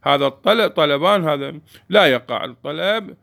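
Gravelly man teaching grammar. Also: fairly high pitch, lively intonation, a little fast, a bit bright. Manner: explains step by step, asks the class questions and answers them himself. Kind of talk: Arabic grammar lesson.

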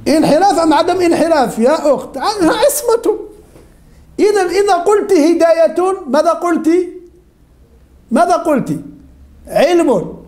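High-voiced woman quizzing her class. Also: animated, normal speed, mellow. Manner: repeats questions and calls on students. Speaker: religion teacher. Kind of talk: interactive class lesson.

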